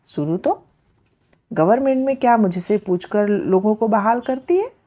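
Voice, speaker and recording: A woman's voice: medium pitch, a little slow, dark tone, voice pushed up, natural voice. A woman voicing an irritable middle-aged male lawyer who answers in a bitter, snapping tone in a read-aloud story. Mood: irritated.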